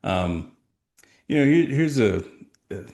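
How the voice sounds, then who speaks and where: A middle-aged Texan man with a lowish, slightly mellow voice speaks slowly in a sing-song way. He's a sales coach giving emphatic, motivational answers in a podcast interview, posing rhetorical questions along the way.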